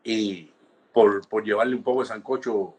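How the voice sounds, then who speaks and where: A man's voice: fairly low pitch, normal speed, husky. A man in his sixties with a Cuban accent, telling stories in an interview and acting out what others said to him. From Cuba. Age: 60s. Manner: animated storytelling, acts out quoted guards, frequent restarts and "¿entiendes?". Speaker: interviewee, former political prisoner. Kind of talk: conversational interview storytelling.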